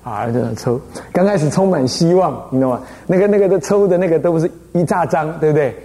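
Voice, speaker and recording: A man with a Taiwanese Mandarin accent gives a lively Buddhist dharma lecture as an abbot. He tells stories and keeps asking the listeners rhetorical questions. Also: fairly high pitch, quick pace. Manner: animated storytelling, frequent rhetorical questions.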